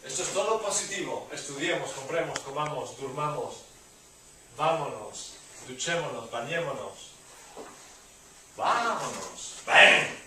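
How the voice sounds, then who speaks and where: Slow, forceful male teacher in echoey classroom. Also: mid-range voice, animated, recorded from a distance, slight background noise. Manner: emphatic, repeats drill phrases with playful exclamations. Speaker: Spanish teacher. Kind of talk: classroom lecture. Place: university classroom.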